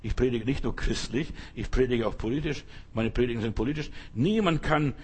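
A man's voice: medium pitch, a little fast, breathy edge. A man preaching a fervent sermon, repeating his points and calling out Hallelujah.

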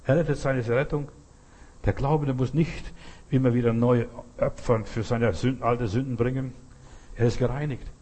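A man preaching a sermon with a slightly husky voice. He talks directly to his listener, earnest and plain, hammering points home in short repeated phrases. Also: mid-range voice, steady tone, normal speed, dark tone.

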